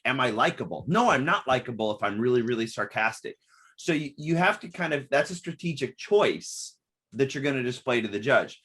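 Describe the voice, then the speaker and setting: A man's voice: mid-range voice, fairly bright tone. A man chiming into a workshop discussion in a joking, conversational way.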